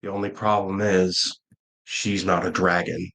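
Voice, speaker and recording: Old tired dragon mom, man doing the voice, low grave slow mournful tone. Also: level tone, a bit bright, heavily acted. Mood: solemn. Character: ancient weary female dragon guardian, solemn.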